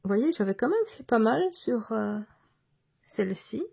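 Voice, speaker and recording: A woman's voice: on the high side, sing-song, unhurried, vocal fry, darkish tone, slightly rough. A woman chatting through a casual show-and-tell vlog, hesitant and often restarting her words. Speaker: cross-stitch vlogger.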